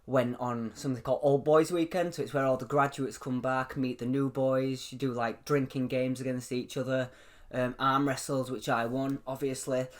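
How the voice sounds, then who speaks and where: A young man tells stories on a casual chat show. He is lively and animated, breaks into laughter often and swears without a second thought. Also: medium pitch, normal speed. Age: 20s. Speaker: podcast co-host.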